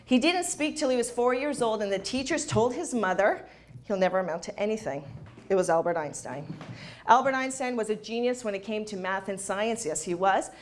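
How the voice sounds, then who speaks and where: A woman's voice: mid-range voice, expressive, a little fast, a little hiss or hum. A woman giving a motivational talk to a live audience, emphatic and repeating key phrases for effect. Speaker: motivational speaker. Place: event hall.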